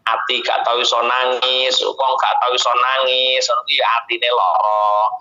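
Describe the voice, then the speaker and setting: A man's voice: medium pitch, little pitch movement, a little slow, sharp tone. A man with a Javanese accent preaching a sermon, reciting Arabic and then explaining it, and often speaking straight to his listeners. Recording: echoey, dull lo-fi recording.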